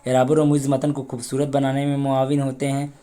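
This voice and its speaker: Mellow-voiced man explaining exam questions. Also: mid-range voice, completely flat delivery, brisk. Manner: explanatory, repeats and glosses terms. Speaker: exam prep teacher. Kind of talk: exam question walkthrough lesson.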